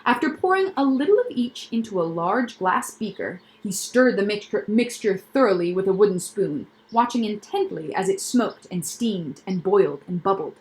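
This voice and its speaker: An expressive woman reads a children's book aloud to students. Her storytelling is animated and lively. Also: mid-range voice, normal speed, few pauses, rough recording. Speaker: teacher reading aloud.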